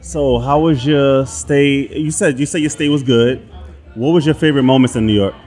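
A man's voice: mid-range voice, moderate pace, darkish tone, faint music behind. A man hosting a casual interview, with short affirming replies and easy questions. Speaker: host.

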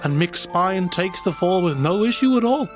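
Vain mock-serious storyteller, melodramatic, higher-pitched, loud backing music, scripted comedy. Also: male voice, lively intonation, moderate pace. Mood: self-satisfied. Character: self-admiring steamy romance narrator, mock-serious and vain.

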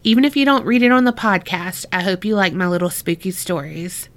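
A woman co-host on a casual podcast, reading a listener's spooky story aloud with frequent laughs. Her pitch sits in an ordinary middle range, and she swears freely between bursts of amused commentary. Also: fairly quick. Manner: laughs often, swears freely, animated reactions.

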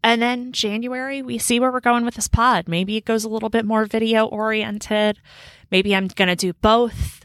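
A woman's voice: on the high side, fairly even intonation, moderate pace, a bit bright, no room sound. A woman in her thirties chatting casually as a podcast host, bubbly, slangy and rambling, recording indoors on a boat. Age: 30s. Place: indoors in a room on a river boat.

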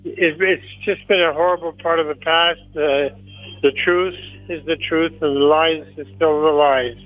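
An elderly man in his eighties talks over a thin, tinny phone line with no room around him. His voice sits fairly high for a man, and he sounds guarded and reluctant, deflecting rather than opening up. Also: fairly even intonation, a little slow, no room sound, soft background music. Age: 80s. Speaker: interviewee on a phone call. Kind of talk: phone conversation. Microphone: telephone.

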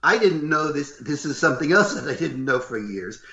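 Gruff older man in a roomy room. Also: fairly high pitch, normal speed. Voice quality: loud, gruff voice. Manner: animated, acts out what others said. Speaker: voice actor guest. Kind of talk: interview storytelling. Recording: roomy, slightly dull recording.

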